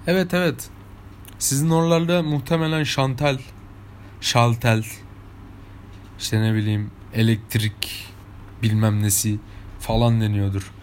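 A man's voice: mid-range voice, fairly even intonation, measured pace, pauses often, a little mellow, a little hiss or hum. A young man from İzmir with an İzmir Turkish accent, telling anecdotes to his viewers in a chatty, casual way. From İzmir, Turkey. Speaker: vlogger. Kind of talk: casual storytelling monologue.

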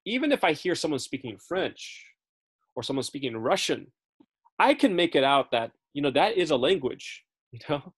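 With a fairly high, breathy voice that swings widely in pitch, a man speaks at normal speed while teaching a Bible study. A native English speaker, he keeps it casual, often checking in with listeners and correcting himself amid frequent fillers.

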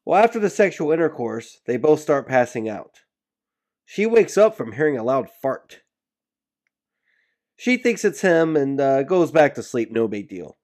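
A man co-hosting a podcast, telling stories in an animated, joking way in a casual chat. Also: medium pitch, a little slow. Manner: animated storytelling with laughs. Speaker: podcast co-host.

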